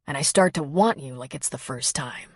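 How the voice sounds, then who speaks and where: A woman voicing a husky, gravelly man. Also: rumbling low, normal speed, no room sound, studio quality, voice pushed down. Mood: intimate. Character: husky deep-voiced grown man, ardent lover.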